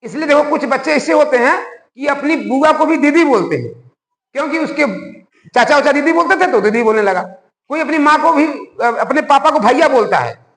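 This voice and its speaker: A man teaching a school class in a lively, conversational way, often asking the class questions. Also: extremely high pitch, normal speed. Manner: animated, conversational, asks the class rhetorical questions. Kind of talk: classroom lecture. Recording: echoey room with long reverb.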